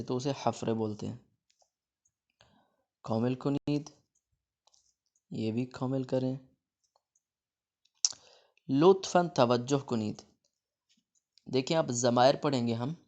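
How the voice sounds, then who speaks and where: A man with a Pakistani Urdu accent teaching a Persian lesson, saying each word louder and then explaining it more quietly. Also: medium pitch. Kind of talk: classroom-style lesson explaining vocabulary.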